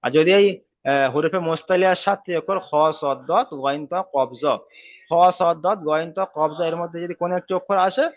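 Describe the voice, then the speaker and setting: A man's voice: on the high side, highs cut off. Patient man teaching recitation online. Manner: patient, repeats letters and syllables slowly. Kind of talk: online class tutoring. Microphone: video call.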